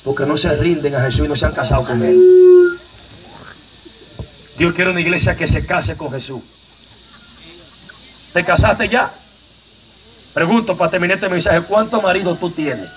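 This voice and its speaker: A man preaching a fiery outdoor sermon, exhorting the crowd and breaking into sudden shouts. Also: on the high side, normal speed, pauses often, noisy background. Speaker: evangelist preacher. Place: outdoor night vigil.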